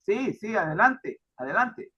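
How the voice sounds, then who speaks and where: A teacher runs an online class discussion over a muffled, lo-fi video call. The voice sits at a middling pitch, heavy with fillers and repeated words, gently prompting participants to speak. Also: big pitch swings, measured pace, breathy edge. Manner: repetitive, encouraging, many fillers.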